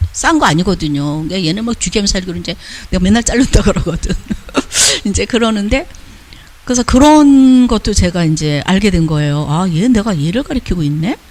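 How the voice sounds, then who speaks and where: An older man, a missionary, giving a casual, lively report and mimicking the people he talks about. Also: high-pitched. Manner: lively storytelling, mimics others' talk. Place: church lecture hall.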